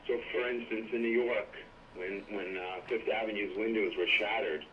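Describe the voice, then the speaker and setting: A man with a fairly low voice calls in to a talk show on a speakerphone. He sounds thin, phone-like and set back from the mic. He argues his case earnestly, in halting bursts. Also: fairly even intonation, a little hiss or hum. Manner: earnest, hesitant political argument. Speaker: caller. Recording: tinny distant speakerphone line.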